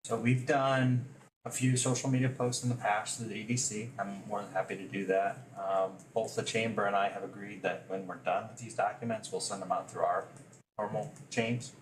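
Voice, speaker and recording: A man's voice: on the low side, level tone, moderate pace, a little hiss or hum. A man from economic development explaining outreach plans in a businesslike way at a public meeting. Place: meeting room. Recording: echoey room.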